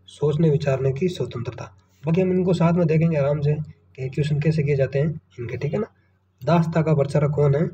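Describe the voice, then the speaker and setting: A man's voice: a little high, warm tone, recorded from a distance. A man teaching, working through exam questions one by one and thinking aloud over each option, often checking in with his students. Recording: muffled, from the mic, faint room noise.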